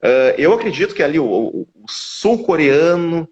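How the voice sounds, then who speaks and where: A man from a language school, appearing as a guest on a casual live stream, explains things at length and keeps restarting with repeated words. His fairly high, darkish voice swings widely in pitch at a moderate pace, and the audio is dull and lo-fi.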